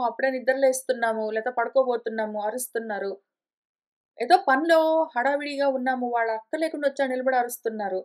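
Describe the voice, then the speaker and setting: High-voiced woman explaining scripture patiently. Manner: patient, explains step by step with everyday examples. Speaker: teacher of scripture study. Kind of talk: explanatory lecture. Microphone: conference call line.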